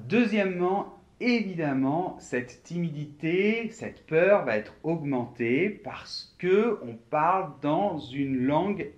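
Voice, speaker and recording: A man from France teaching a video lesson, speaking slowly and clearly straight to the viewer. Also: fairly high pitch, darkish tone, dull audio. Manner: slow, clearly articulated teaching, addressing viewer directly. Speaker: French teacher.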